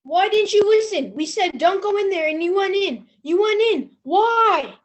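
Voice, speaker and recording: A woman's voice: very high voice, expressive, normal speed. A woman playing an exasperated, alarmed onlooker who scolds and warns urgently in a comic school stage play. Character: exasperated, alarmed onlooker shouting warnings at fools.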